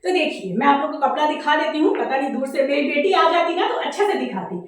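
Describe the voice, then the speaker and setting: A woman in her thirties from India with a Jharkhand Hindi accent, talking loudly and quickly in a casual home vlog, recorded on the camera's own mic. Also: sits high, lively intonation. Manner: loud and fast-talking. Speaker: vlogger. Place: indoors at home. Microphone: camera mic without a separate microphone. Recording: echoey room, voice from camera distance.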